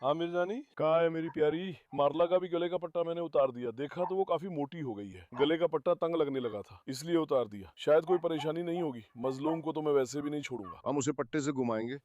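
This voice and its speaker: A man's voice: a little high, quick pace, hardly any pauses, darkish tone, no room sound, muffled recording. Affectionate man chatting to his farm dogs. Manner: affectionate, coos at his dogs and calls them his lions. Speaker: farm pet vlogger. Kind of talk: casual vlog talk to camera. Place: outdoors on a farm.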